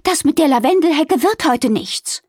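A woman's voice: sits high, sing-song, moderate pace, a little mellow, slightly rough, dry recording, studio quality, voice pushed up, heavily acted. A woman voicing a cheerful, busy female hotel keeper in a storybook reading.

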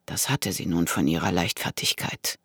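An audiobook narrator reading a thriller with expressive storytelling. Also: normal speed, husky, dry recording, studio quality. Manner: expressive storytelling with lively pitch.

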